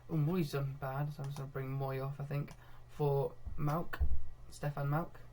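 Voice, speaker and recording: A young man commentating live on his own football management game, getting excitable when goals come and laughing at himself. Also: on the high side, moderate pace, a little hiss or hum. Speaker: gaming video host.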